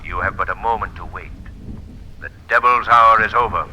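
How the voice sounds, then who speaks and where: An actor playing a commanding, self-assured gentleman sleuth, speaking in the declamatory manner of 1940s radio. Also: on the low side, normal speed, dull audio. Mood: ominous. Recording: faintly noisy old radio recording.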